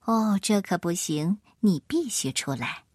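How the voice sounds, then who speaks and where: Gentle worried mother, soft and coaxing, woman narrator voicing her. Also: fairly low pitch, animated, unhurried, husky, dry recording, studio quality.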